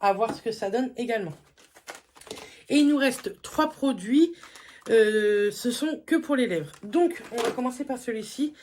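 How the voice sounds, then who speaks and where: Woman vlogging a makeup haul, fairly high voice, lots of euh's, chatty and excited. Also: measured pace, slight background noise. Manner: chatty, lots of fillers, enthusiastic asides. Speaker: beauty vlogger. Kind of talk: casual haul review.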